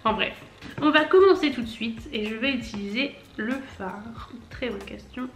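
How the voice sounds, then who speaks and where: A woman in her twenties with a somewhat high voice talks at a moderate pace. She's a makeup vlogger chatting casually and explaining every step as she works. The room is echoey, with faint music playing in the background.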